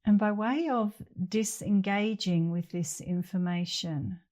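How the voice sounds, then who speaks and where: Here a middle-aged woman of medium pitch serves as a meditation instructor, talking softly and pausing at length after each phrase.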